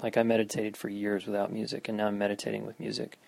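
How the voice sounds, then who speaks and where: A man giving guided meditation instruction as a teacher, speaking in short, unhurried phrases with an earnest spiritual-healer manner. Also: on the low side, completely flat delivery, vocal fry, darkish tone, no room sound.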